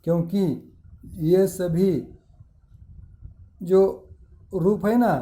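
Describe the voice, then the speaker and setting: A man teaching a grammar lesson, reading words one at a time and slowly explaining pronunciation. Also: a little high, mellow. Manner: slow, deliberate word-by-word reading with explanations. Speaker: school teacher. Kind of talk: recorded Hindi grammar lesson. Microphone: screen recording with device mic.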